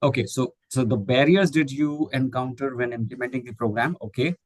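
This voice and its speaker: A middle-aged Indian man whose first language is Hindi, an English teacher trainer appearing as a guest speaker, answers questions in an online webinar. His mid-range voice moves fairly quickly and sounds hesitant, full of fillers and restarts. The recording is dry.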